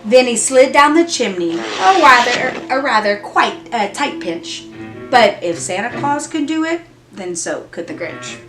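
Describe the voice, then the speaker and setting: Her fairly high, sing-song voice brings drama to a children's story, with drawn-out repeated lines and heavy emphasis. Behind her, an app supplies music and sound effects, and the room echoes.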